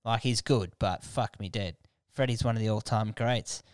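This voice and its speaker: A man's voice: on the low side, moderate pace, clean tone, no echo. Blokey Australian man, clean close dry sound. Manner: blokey, irreverent, heavy swearing and slang. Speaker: podcast host. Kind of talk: casual comedic monologue.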